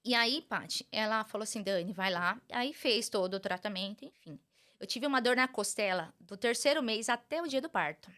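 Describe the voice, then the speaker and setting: A woman in her thirties from Brazil, a teacher and mother, chatting as an interview guest and telling animated stories while often calling the host by name. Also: on the high side, brisk. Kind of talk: casual interview chat.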